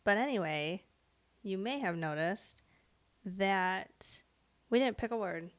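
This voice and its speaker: A woman co-hosting a podcast in casual chat, giving long-winded explanations with wry, deadpan asides. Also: mid-range voice, slow pace. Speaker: podcast co-host.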